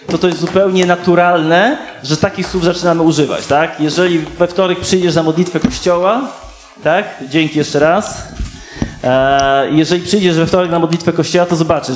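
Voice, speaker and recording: A man preaching a sermon, reading scripture slowly and stopping to explain it with repeated "tak?" asides. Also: on the high side, roomy sound. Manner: reads slowly with frequent rhetorical "tak?" asides.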